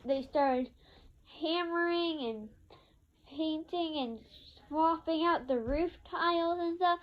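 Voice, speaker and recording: A woman with a high voice tells a story slowly and casually, with a chatty, rambling delivery full of fillers and asides. The recording sounds slightly dull and lo-fi.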